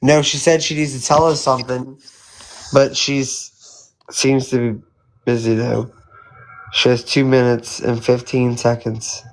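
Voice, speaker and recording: A man's voice: medium pitch, flat delivery, measured pace, pauses often, a little hiss or hum, poor audio. A man hosting a casual live chat, talking in a hesitant, rambling, colloquial way. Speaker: live stream host.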